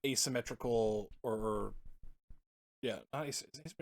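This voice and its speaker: A man's voice: on the low side, moderate pace. A man co-hosting a casual podcast, rambling through his points, often searching for words and laughing. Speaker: podcast co-host. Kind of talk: casual chat about card games.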